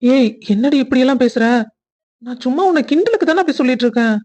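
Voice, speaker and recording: Lady doing a joking young husband in a cartoon, kinda high voice, teasing. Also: lively intonation, quick pace, warm tone, muffled recording. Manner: playful teasing. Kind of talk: cartoon story voice acting.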